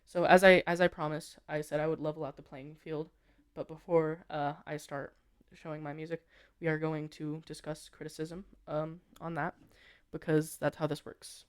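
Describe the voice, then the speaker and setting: Rambling teenage podcast host. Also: male voice, on the high side, flat delivery, normal speed, clear, resonant tone, no room sound, studio quality. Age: teens. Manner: rambling, many restarts and fillers. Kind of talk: casual chat reviewing songs.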